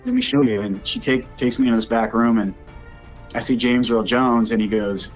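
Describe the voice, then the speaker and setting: A man tells a casual story on a podcast and acts out each person's voice with gusto. His pitch sits in an ordinary middle range. Music plays clearly underneath him. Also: moderate pace. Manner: animated storyteller acting out voices. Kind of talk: casual anecdote.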